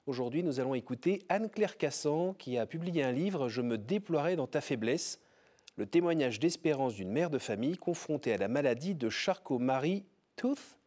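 A man's voice: mid-range voice, animated, fairly quick, warm tone. A man hosting a spirituality show in a TV studio, introducing his guest hesitantly with many fillers.

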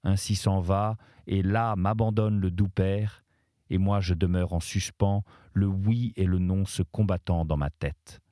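Low-voiced man reading a classic poem. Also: fairly even intonation, unhurried, mellow, no room sound, studio quality. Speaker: reader. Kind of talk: audiobook-style literary reading.

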